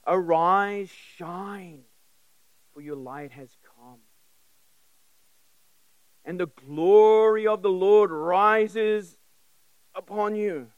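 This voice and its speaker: Drawing out his words and leaving long pauses, a man with a high, clean voice preaches in a dry, lo-fi recording. He was born in England, grew up in South Africa, and speaks conversationally and emphatically, with direct questions, repetition, and personal stories.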